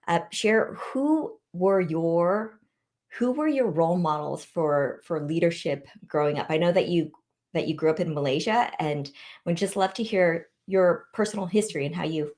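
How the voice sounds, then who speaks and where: Low-voiced woman hosting an interview. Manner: encouraging, frequent backchannel murmurs. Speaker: host. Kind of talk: conversational interview.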